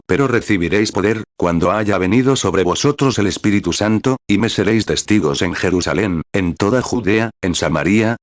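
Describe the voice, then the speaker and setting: Male sermon reader, very low voice, dry close sound, steady measured read with dramatic retellings. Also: no room sound. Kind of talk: read sermon translation with verse numbers.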